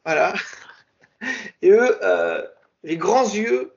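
A man's voice: high voice, lively intonation, slow pace, vocal fry, slightly rough, highs cut off. A man co-hosting a podcast, chatting casually and hesitantly with many fillers and restarts. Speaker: podcast co-host. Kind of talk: casual chat.

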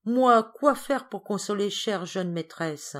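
A woman's voice: medium pitch, animated, slow, fairly bright tone, pitched above the performer's own voice. Woman reading as a devoted male servant. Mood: consoling. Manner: speaks in broken, simplified sentences.

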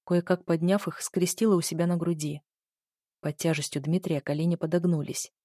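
A woman narrates a first-person story at a measured, even pace. Her voice sits low and mellow with a soft, dark color. It's recorded close and dry, with no room sound. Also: no echo. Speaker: audiobook narrator.

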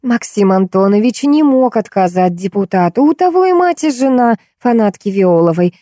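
A woman reading the lines of a weary middle-aged woman who patiently calms her quarrelsome companion, in an audiobook. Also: mid-range voice, normal speed, dry recording, clean studio sound, pitched above the performer's own voice, close to an everyday voice. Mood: exasperated. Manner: patient, then exasperated.

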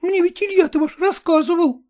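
A man's voice: very high-pitched, moderate pace, a little mellow, voice pushed up. A man voicing a jealous, tearful woman who presses her lover with reproachful questions, reading an audiobook.

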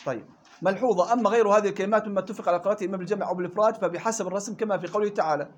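Teaching a Quran recitation class, a man with a high-pitched voice and a Levantine Arabic accent explains things in everyday language and quizzes students with quick questions. There's slight background noise in the recording.

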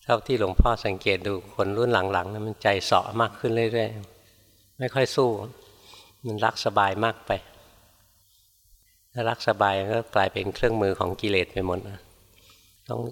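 An older man, a monk teacher, giving a calm, unhurried Dharma talk and gently admonishing listeners as he answers their practice reports. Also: fairly low pitch, creaky, big-room sound.

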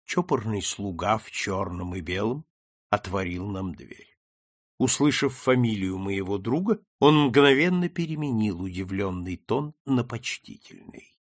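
Expressive male audiobook narrator. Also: lowish voice, a little slow, no echo, clean studio sound. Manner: expressive, theatrical reading.

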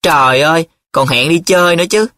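A man's voice: mid-range voice, animated, fairly quick, fairly bright tone, dry recording. A man voicing a teasing, dramatic young male student who talks in a playful, showy way, in an audiobook. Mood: gushing. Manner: playful, showy, sing-song when reciting.

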